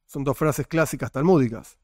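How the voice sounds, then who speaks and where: A man's voice: medium pitch, normal speed, darkish tone, no room sound, clean studio sound. A man teaching a religion class, full of rhetorical questions and jokey asides. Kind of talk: classroom lecture.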